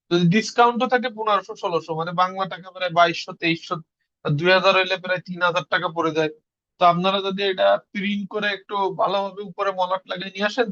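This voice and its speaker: High-voiced gravelly man teaching online. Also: a bit bright, no echo, dull audio. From Bangladesh. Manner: explains patiently, spelling words letter by letter. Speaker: Russian language teacher. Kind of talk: online class lesson.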